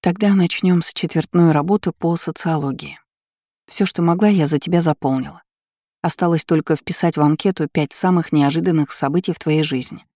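A man's voice: a little high, fairly quick, mellow, dry recording, studio quality, close to an everyday voice. A man voicing a prim young female student who speaks irritably and nervously. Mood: brisk.

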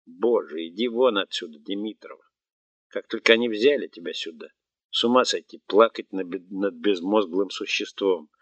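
A man voicing a sharp-tongued, impatient woman keeper who scolds bluntly, in an audiobook. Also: deep voice, no echo. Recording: dull, muffled audiobook recording.

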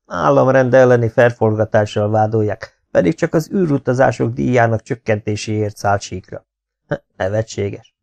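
A male audiobook reader voicing a brisk, practical male conspirator who gives earnest instructions. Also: medium pitch, gravelly, a little mellow.

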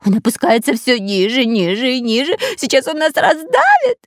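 A woman's voice: high-pitched, sing-song, normal speed, no echo, studio quality, voice pushed up. A woman voicing a cowardly, long-nosed male spy in an audiobook, who stutters and whimpers with fear. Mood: panicked. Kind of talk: audiobook character voice.

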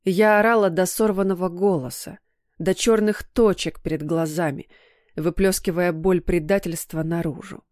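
A woman reads a first-person novel aloud in a lowish, emotional voice. The recording is close and dry, with no room sound. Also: moderate pace, dry recording. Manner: emotional, expressive reading. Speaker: audiobook narrator. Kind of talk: scripted first-person narration.

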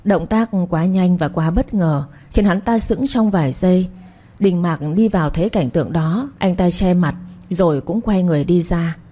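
Low, mellow female storyteller. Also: moderate pace. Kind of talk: reading a romance novel aloud.

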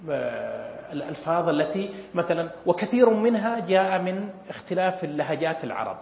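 A man giving an academic lecture at a measured pace, pausing often with fillers and clearing his throat. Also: on the high side. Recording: echoey hall, dull lo-fi sound.

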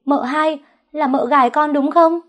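A young servant girl caught out, wailing pleas and then turning on her lover with shrill accusations, played by a woman storyteller. The voice climbs high when she cries out in this audio drama. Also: animated, a little slow, dark tone. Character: young maid caught in affair, pleading then defiant.

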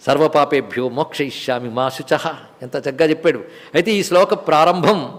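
A man's voice: fairly high pitch, normal speed, big-room sound. A man giving a spiritual discourse on scripture, who explains verses by repeating key words and asking rhetorical questions. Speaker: spiritual teacher. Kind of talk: Bhagavad Gita discourse.

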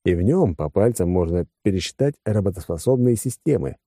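A man's voice: low voice, animated, a little fast, dark tone, dry recording, clean studio sound. A man narrating a science-fiction audiobook in first person, in a wry, conversational way.

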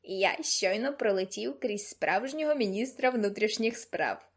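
A woman's voice: mid-range voice, lively intonation, normal speed. A woman reading an audiobook voices a cheeky invisible gargoyle demon who gossips and mocks, at times dropping to a whisper. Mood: gleeful. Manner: gossipy and mocking, drops to a whisper.

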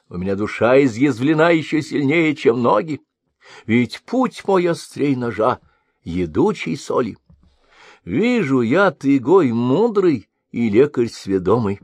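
A man's voice: mid-range voice, darkish tone, no echo, clean studio sound. A man voicing a young maiden who laments in a sing-song way.

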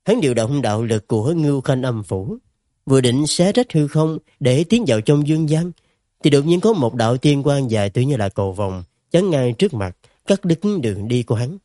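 A man narrating a fantasy story in an expressive, dramatic reading. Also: medium pitch, normal speed, no room sound, studio quality. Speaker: audiobook narrator.

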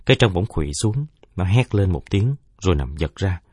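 A man reads a first-person war story in a somber, measured way. His voice sits low and husky, and the recording is dry and close with no room around it. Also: expressive, a little mellow, no room sound. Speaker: narrator.

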